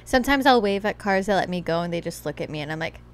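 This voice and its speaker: A woman's voice: on the low side, lively intonation, quick pace, clear, resonant tone. A young adult woman hosting a casual podcast, playful and teasing, with lots of filler likes. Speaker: podcast host, daughter.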